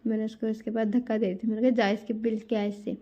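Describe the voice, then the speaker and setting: A woman's voice: fairly high pitch, flat delivery, fast, mellow, lo-fi sound. A woman in her thirties telling a family outing story in a chatty casual vlog, talking straight to her viewers. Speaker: vlogger.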